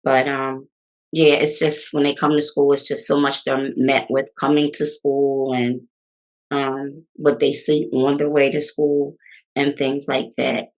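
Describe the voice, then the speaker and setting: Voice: medium pitch, level tone, unhurried, poor audio. A speaker in a casual interview, talking with many fillers. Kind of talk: casual conversation.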